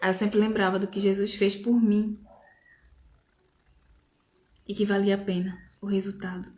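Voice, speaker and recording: Brief: woman, medium pitch, gentle halting devotional testimony, roomy echo. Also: flat delivery. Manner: soft, halting, emotional storytelling with many pauses. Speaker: women's devotional speaker. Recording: echoey room.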